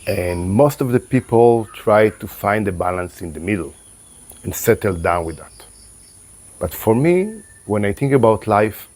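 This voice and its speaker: A qigong and tai chi teacher, a native Hebrew speaker, gives a reflective talk to camera in a very deep voice. Slightly closed after meditation, his voice stays calm and unhurried as he pauses and restarts to gather his thoughts, while insects chirp softly behind him.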